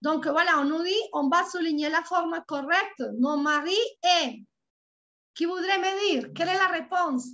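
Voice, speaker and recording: Woman, Colombian Spanish accent, native Spanish speaker, French tutor, high voice, patient and repetitive, muffled online call. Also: bright, forceful tone. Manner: patient, repeats words slowly and clearly. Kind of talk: online language lesson. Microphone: video call. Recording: dull lo-fi online call audio.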